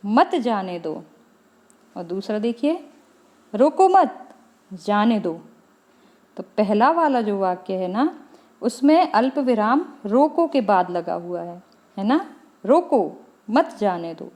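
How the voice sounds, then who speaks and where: A woman teacher walks her students through a grammar lesson in a measured, patient way. She often stops to check that they are following. Her voice sits fairly high and she speaks slowly. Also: a little mellow. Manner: explanatory, checks in with listeners, pauses deliberately between items.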